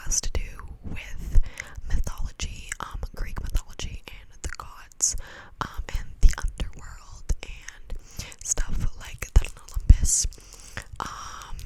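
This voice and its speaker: Whispering rapidly near the mic, a young adult woman runs an ASMR video, her voice breathy and full of clicks as she casually rambles and repeats phrases and words. The recording is low quality.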